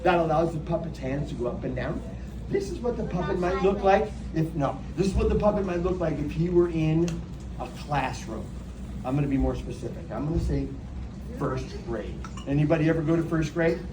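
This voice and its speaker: Recorded from afar in an echoey room full of a live audience, a male puppeteer teases children and quizzes them playfully during his show. His voice is a little high and expressive, and he speaks fairly quickly.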